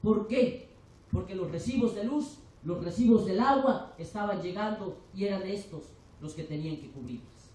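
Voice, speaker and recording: This Chiapas-born teacher and union delegate gives a fiery forum speech in a Mexican Spanish accent, piling up rhetorical lists in a declamatory style. The medium-pitched, slightly mellow voice moves at a normal speed, recorded from afar in a large, echoing lecture hall.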